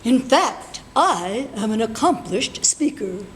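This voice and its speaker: A woman delivers a folksy tall tale as a comic contest speech. Her voice is high and very animated, and she takes her time, setting up each punchline with a pause. It is a live recording with clear background noise. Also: roomy sound. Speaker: contestant in a public speaking contest. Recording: noisy live room recording.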